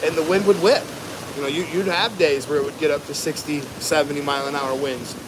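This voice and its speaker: American man chatting over loud windy noise. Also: a little high, fairly even intonation. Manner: laid-back, rambling, slangy. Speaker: livestream host, barber. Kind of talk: casual livestream chat. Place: outdoors at home during a windy storm. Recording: noisy outdoors, loud wind and ambience. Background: wind and rushing water ambience.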